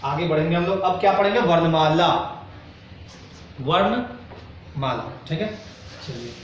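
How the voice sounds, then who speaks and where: A high-pitched man teaching grammar to a class, forever asking "clear?" and answering his own questions. The room rings with strong echo, and the sound is dull, with a faint hiss behind it. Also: a little fast, recorded from a distance. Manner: acts out students' doubts in quoted asides. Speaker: Hindi teacher.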